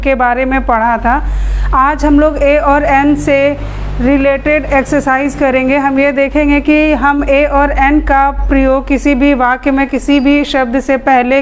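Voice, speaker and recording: A young Indian woman teaching a grammar lesson patiently, asking questions and then answering them herself. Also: high voice. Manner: slow, patient, asks and answers her own questions.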